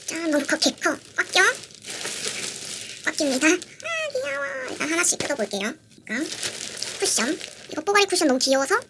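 A young woman vlogging as she unboxes merchandise, gushing and excitable, repeating how cute everything is. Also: high-pitched, a little fast, pauses often. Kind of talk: casual unboxing vlog. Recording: audible background noise with crinkling packaging.

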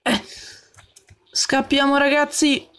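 Gaming host, female, bright higher voice, slow unhurried delivery, jumpy with little yelps. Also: little pitch movement. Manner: jumpy, talks to the game character and viewers, frequent yelps. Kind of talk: let's play commentary.

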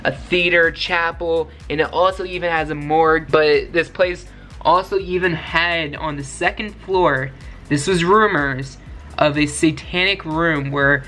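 A man's voice: fairly high pitch, steady tone, a little slow, sharp tone, soft background music. A young man vlogging casually from a bedroom, chatty and slangy as he talks straight to his viewers. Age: young adult. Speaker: urban exploration vlogger. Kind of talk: casual vlog talk to camera. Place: small bedroom lit with LED strips.

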